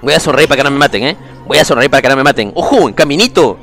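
A man streaming a video game, chatting casually with his viewers and breaking into excited exclamations. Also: mid-range voice, rapid-fire, gravelly, soft background music. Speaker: gaming streamer. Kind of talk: casual livestream commentary.

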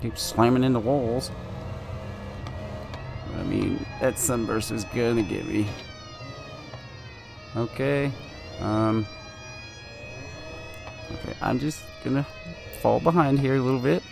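Male gameplay commentator, measured slow delivery, fretful and pleading, music playing underneath. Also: medium pitch, steady tone, gravelly. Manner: anxious, pleading, keeps urging the car on. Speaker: gaming video creator.

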